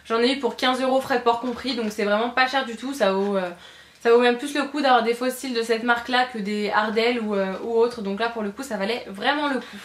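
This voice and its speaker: A woman's voice: on the high side, fairly even intonation, fairly quick, echoey room. A woman beauty vlogger chatting casually through a shopping haul, gushing and repeating words for emphasis, with frequent hesitations. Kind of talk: casual haul video chat.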